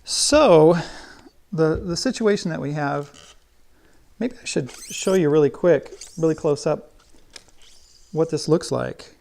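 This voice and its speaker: Man, middle-aged, guitar teacher, relaxed chatty how-to, gravelly voice. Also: on the high side, takes it slowly, long pauses. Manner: relaxed, chatty, thinks aloud with fillers. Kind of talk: casual how-to lesson while working.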